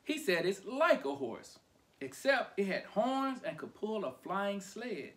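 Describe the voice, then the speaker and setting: A man reading a children's picture book aloud for storytime, playful and animated. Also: high-pitched, takes it slowly.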